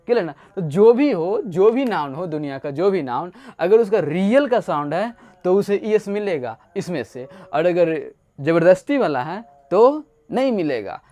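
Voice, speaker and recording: A man's voice: sits high, big pitch swings, normal speed, hardly any pauses, dark tone. A man teaching an English grammar lesson, explaining playfully and acting out little stories as he goes. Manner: playful, asks rhetorical questions, tells little stories.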